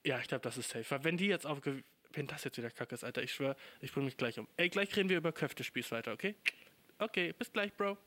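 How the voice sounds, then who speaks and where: A man's voice: medium pitch, animated, fast talker, sharp tone. A young man in his twenties from Germany, hosting a podcast alone, talking in a rambling casual monologue full of profanity and slang. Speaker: podcast host.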